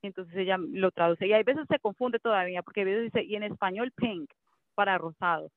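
A woman's voice: mid-range voice, a little fast, no echo. A woman chatting casually about raising her daughter, dropping English fillers into her speech. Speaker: guest, mother. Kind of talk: casual conversation. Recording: thin phone-like dry audio.

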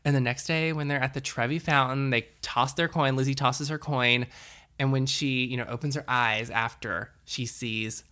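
Bright chatty woman recapping a movie. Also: rumbling low, fairly even intonation, normal speed. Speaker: podcast co-host. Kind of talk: casual chat.

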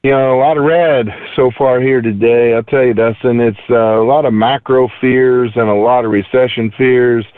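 Heard over a thin, tinny phone line, a man gives casual market commentary in a folksy, rambling way, full of "you know" and "uh". His pitch sits in an ordinary middle range. The line is dry and close, with no room sound. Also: fairly even intonation, normal speed, few pauses, smooth, no room sound. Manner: folksy, rambling with many fillers. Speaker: market analyst guest.

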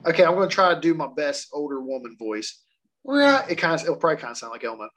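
A man co-hosting a podcast, excitedly telling a story in casual chat and laughing often. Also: on the high side, racing. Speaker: podcast co-host.

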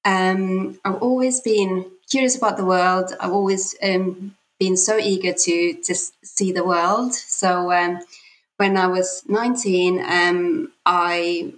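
A woman's voice: on the low side, fairly even intonation, slow pace, poor audio. Hesitant Finnish-accented woman in her forties. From Finland. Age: 40s. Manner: hesitant, many fillers and restarts. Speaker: podcast guest. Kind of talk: casual interview talk.

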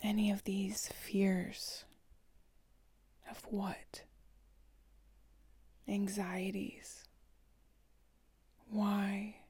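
A woman leading a guided meditation, speaking slowly and softly, often dropping into a whisper. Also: medium pitch, level tone, slightly rough, no echo. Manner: slow, soft and soothing, often whispered.

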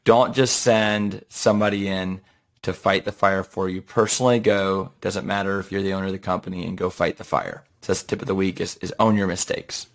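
A man's voice: low voice, flat delivery, fairly quick. A man co-hosting a podcast, giving casual advice emphatically and repeating his key points. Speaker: podcast co-host.

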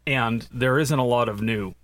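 A man co-hosting a casual news podcast with his child, making dry puns and pausing often with "um". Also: medium pitch. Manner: punning, dry dad jokes; hesitant, with many ums. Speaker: podcast co-host, father of the other host.

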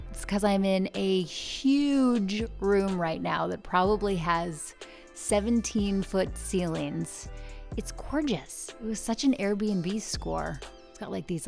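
A woman hosting a podcast in casual, chatty talk, recorded alone in a huge, high-ceilinged room with lots of echo on a portable travel mic. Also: vocal fry, a little mellow. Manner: chatty and bubbly, jokey asides. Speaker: podcast host. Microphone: portable travel microphone.

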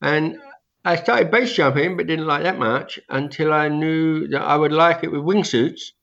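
A man's voice: a little high, a little slow, vocal fry, a bit bright, highs cut off. An older man with toothless, slightly slurred speech, reminiscing casually as an interview guest. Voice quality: toothless, slurred speech from having all teeth out. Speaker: interview guest, veteran skydiving suit maker.

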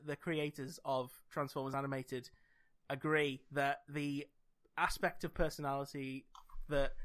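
A man's voice: on the high side, a bit bright. A man co-hosting a casual podcast, rambling with lots of "like" and dry jokey asides. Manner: rambling, full of "like" and restarts. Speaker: podcast co-host. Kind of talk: casual chat.

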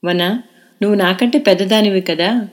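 A woman's voice: medium pitch, moderate pace, natural voice. A woman voicing a clever, bashful teenage girl in an audio novel. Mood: girlish. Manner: lively, shy.

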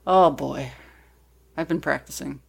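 A woman's voice: low-pitched, unhurried, gravelly, husky. A woman co-hosting a casual chat, giggly, ending every sentence rising like a question. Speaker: podcast co-host.

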